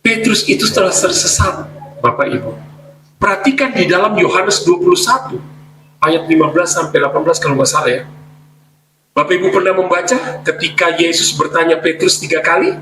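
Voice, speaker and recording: Male preacher, lively sermon delivery with acted quotes; echoey hall, off-mic, soft music beneath. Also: on the high side, normal speed, long pauses, far from the mic. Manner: animated preaching, acting out quoted dialogue, addresses congregation directly. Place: church hall.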